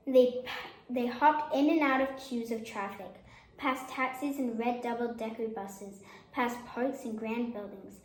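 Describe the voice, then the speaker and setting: A woman's voice: fairly high pitch, fairly even intonation, unhurried. A woman storyteller reading a children's picture book aloud. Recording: echoey room.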